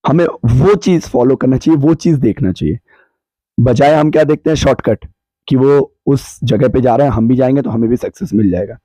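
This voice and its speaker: A man with a sore, hoarse throat, explaining his views on a podcast in a measured way that weighs both sides. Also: medium pitch, mellow, no room sound. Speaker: podcast guest answering questions. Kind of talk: reflective podcast discussion. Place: cold hill town, bundled up.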